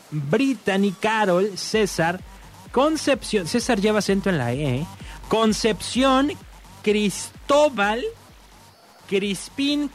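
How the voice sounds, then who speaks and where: A Mexican man hosting a morning radio show, his voice pitched high and his delivery slow and unhurried. He teases listeners and draws out words for effect. Music plays faintly under him. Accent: Mexican Spanish. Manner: playful, teasing, drawn-out stresses on words. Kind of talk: casual radio talk. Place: radio studio.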